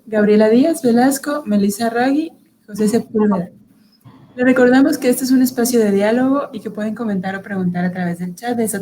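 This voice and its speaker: A woman's voice: mid-range voice, warm tone, slight background noise, poor audio. A woman moderator formally reading a prepared introduction of the guest speaker. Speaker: event moderator. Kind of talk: read-out introduction.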